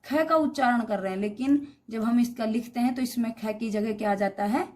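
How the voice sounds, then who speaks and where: A woman's voice: fairly high pitch, normal speed, a little mellow. A woman teaching Hindi spelling, saying each word twice and asking the class questions. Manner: reads each word twice, wrong then correct, with quizzing questions; addresses students as beta. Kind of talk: classroom lesson on spelling errors.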